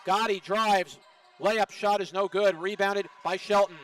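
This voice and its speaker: A man calling a college women's basketball game play by play, with rapid, excited calls of each play. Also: high-pitched, smooth, dry recording. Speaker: play-by-play announcer. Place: college gym. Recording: distant mic with faint gym noise.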